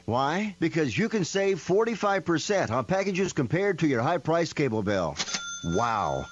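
A man reading a radio commercial in an upbeat hard-sell pitch, heard over a radio broadcast. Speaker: commercial announcer. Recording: dull lo-fi radio audio with music behind.

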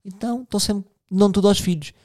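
Fast-talking Portuguese man musing aloud. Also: high voice, fairly even intonation, darkish tone. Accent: European Portuguese. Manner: musing, frequent restarts, addresses listeners directly. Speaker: podcast host. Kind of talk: casual reflective monologue.

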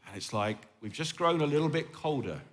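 A man preaching a sermon in short phrases, paused for a live interpreter, telling stories with animation. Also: a little high. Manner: animated, storytelling. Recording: long reverb of a large hall.

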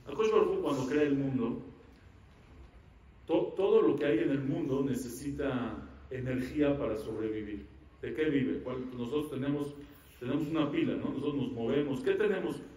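A rabbi giving an animated Torah lecture, asking the audience questions and answering them himself. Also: male voice, mid-range voice, normal speed. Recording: echoey room, mic at a distance.

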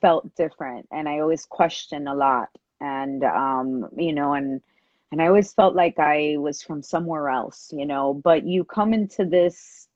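A woman's voice: low-pitched, measured pace, darkish tone, no room sound. A middle-aged woman from a Cuban-American family, a guest telling her life story in an interview, thoughtful and full of ums and you-knows. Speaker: guest, energy practitioner. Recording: dull lo-fi sound, dry.

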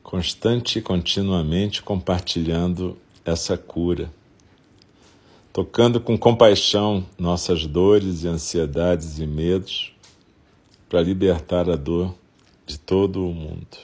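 A man with a Brazilian accent leads a guided compassion meditation in a soft, soothing, gentle way, leaving long pauses, with a breathy, husky voice. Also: low-pitched. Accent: Brazilian Portuguese.

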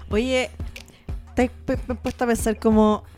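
A woman's voice: fairly high pitch, level tone, normal speed, darkish tone, soft background music. A young Chilean woman co-hosting a casual pop culture chat, easygoing and slangy.

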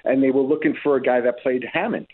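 A New York man, a guest musician on a remote call, tells his story in casual, rambling interview chat packed with fillers and restarts. He talks fast in a medium-pitched, steady, slightly rough voice over a tinny, phone-like line.

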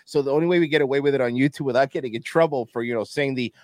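A podcast guest whose first language is Spanish talks politics casually at a rapid-fire pace in a mid-range voice. He's animated, laughs often, and swings into mocking impressions. There's no room sound in the recording.

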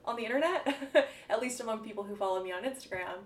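A woman hosting a casual podcast conversation, relaxed and musing, with many "um"s and small laughs. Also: medium pitch, quick pace. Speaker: podcast host. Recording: roomy, distant mic with faint background noise.

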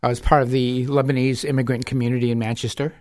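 A middle-aged man speaking as a guest on a talk radio show, with a voice of ordinary pitch. He tells his story in a measured, reflective way. The studio sound is dry and close. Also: level tone, darkish tone, dry recording. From United States. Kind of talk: radio interview. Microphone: studio mic with headphones.

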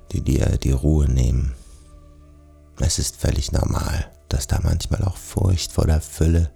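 A man narrating a guided sleep meditation in a soothing, gentle manner, speaking softly and directly to the listener. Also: very deep voice, gravelly, slightly rough.

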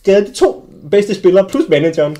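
A young adult man hosting a casual sports podcast, telling lively anecdotes with many restarts. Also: sits high, crowd noise. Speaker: podcast host. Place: small studio.

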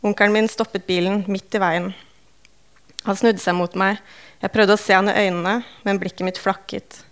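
Calm woman reading an audiobook. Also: medium pitch, smooth. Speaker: audiobook narrator. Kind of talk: first-person scripted narration.

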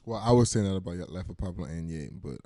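A man's voice: sits low, lively intonation, fast, dark tone, no room sound. A young man in a casual debate with friends, slangy and repeating himself for emphasis. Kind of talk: casual hip-hop album debate.

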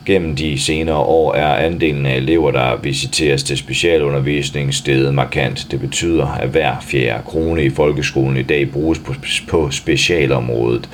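A man reading a news article aloud in a steady, even way, even speaking the punctuation. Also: rumbling low, few pauses, slight background noise.

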